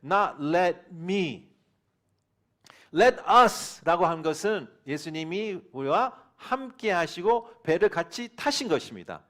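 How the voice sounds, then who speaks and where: A man's voice: very animated, a little slow, hardly any pauses, fairly bright tone. A middle-aged man preaching a sermon as pastor, mixing English phrases into his talk and questioning the congregation, acting out quoted voices. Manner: acts out quoted voices with rising pitch and volume. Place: church sanctuary.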